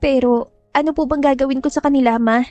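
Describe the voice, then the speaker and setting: A shy twenty-year-old girl answers in a soft, hesitant, respectful voice, put on by a woman. The voice sits high and bright. The read is dry and close. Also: fairly even intonation, fast talker, dry recording, dull audio, faint music behind, close to an everyday voice. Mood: timid. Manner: polite, hesitant, soft-spoken. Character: timid, obedient 20-year-old village girl.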